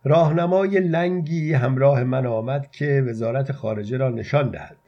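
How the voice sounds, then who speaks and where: A man reading a literary story aloud as narrator, with measured, even delivery, in a muffled lo-fi recording. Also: mid-range voice.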